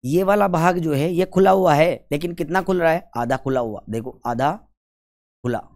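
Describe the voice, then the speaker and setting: A male Hindi grammar teacher giving an exam-prep lesson, who keeps asking questions and answering them himself and sounds out vowels slowly to show them. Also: on the high side, a little mellow. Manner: quizzes listeners and answers his own questions.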